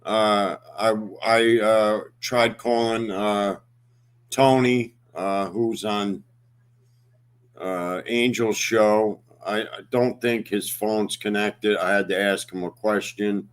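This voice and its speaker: A man in his fifties hosting a casual livestream, talking slowly and haltingly with many pauses and fillers. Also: lowish voice, steady tone, clear, resonant tone. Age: 50s. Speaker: livestream host.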